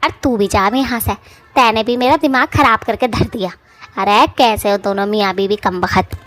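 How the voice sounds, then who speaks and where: A woman's voice: medium pitch, normal speed, a bit bright, lightly acted. A woman voicing a boastful, quarrelsome bald female witch in a cartoon story, with a mouthy, taunting village way of talking. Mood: fed-up ranting. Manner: mouthy village taunting speech, whiny when scared. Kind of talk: cartoon voice acting.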